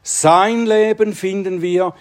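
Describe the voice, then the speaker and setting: A man preaching a sermon in an earnest, emphatic way, often dropping to a hushed tone to stress a point. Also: high-pitched, fairly even intonation, slow pace. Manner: earnest, emphatic delivery with dramatic drops to a hush.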